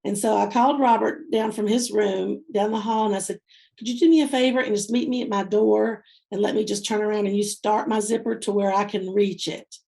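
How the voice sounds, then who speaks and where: Gravelly-voiced woman telling a heartfelt story. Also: mid-range voice, steady tone. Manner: heartfelt, softens and slows at tender moments. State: teary-eyed. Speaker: guest speaker. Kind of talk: personal storytelling in an interview.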